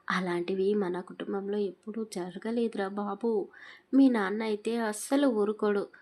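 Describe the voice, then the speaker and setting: A woman voicing a fussy village mother in a storybook, coaxing her son to marry, her voice pitched up. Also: mellow, natural voice.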